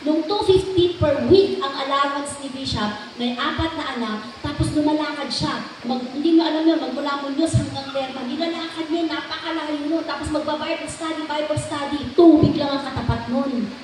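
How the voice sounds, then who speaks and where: Filipino woman pastor, middle-aged, high voice, animated sermon, roomy church sound heard from far off. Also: moderate pace, few pauses, slight background noise. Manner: animated preaching, switching between Tagalog and English, with call-and-response "Amen?". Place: church hall. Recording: echoey church hall, mic far off.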